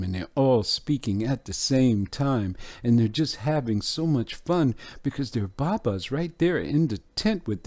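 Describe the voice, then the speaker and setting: A man's voice: lowish voice, darkish tone, no room sound. A man teaching scripture, who tells the story vividly and acts out its scenes. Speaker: Bible teacher. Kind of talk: storytelling sermon.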